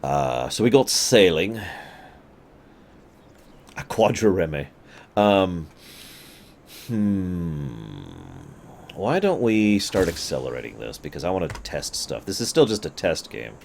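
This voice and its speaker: A man with a low, somewhat mellow, sing-song voice takes things slowly and pauses often, with a little hiss or hum present. He's casually commentating a strategy game live for viewers, chatting with chat and lapsing into mock outbursts.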